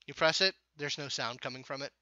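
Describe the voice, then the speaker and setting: A man's voice: medium pitch, brisk, bright, forceful tone, no room sound. A man narrating as game master for a tabletop game, talking with many fillers and restarts. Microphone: video call. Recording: muffled, lo-fi online call.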